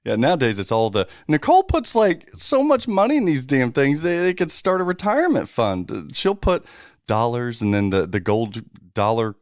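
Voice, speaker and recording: A middle-aged man co-hosting a casual podcast chat, joking and breaking into loud, high exclamations. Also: very animated, moderate pace, no room sound, clean studio sound. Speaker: podcast co-host.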